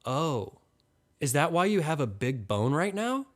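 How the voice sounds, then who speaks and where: A man voicing a blunt, excitable young woman in a comedy story. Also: on the high side, unhurried, voice pushed up. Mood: excited. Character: blunt, cheerful young woman, the hero's companion.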